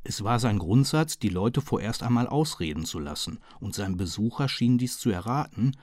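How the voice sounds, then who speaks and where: A man reading a story aloud in a measured, even narration. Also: lowish voice, dry recording, clean studio sound. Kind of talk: scripted narration.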